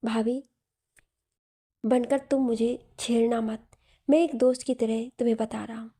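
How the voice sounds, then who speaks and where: Woman doing a stubborn young man, sulky, husky voice, storybook reading. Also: fairly high pitch, fairly even intonation, measured pace, dark tone. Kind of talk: storybook narration.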